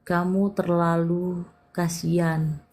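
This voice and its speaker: A woman's voice: lowish voice, little pitch movement, slow, a little mellow. A woman palm reader giving a live-stream reading, talking intimately and emphatically, calling the listener "dear". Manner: intimate, calls the listener "sayang"; direct, emphatic counseling.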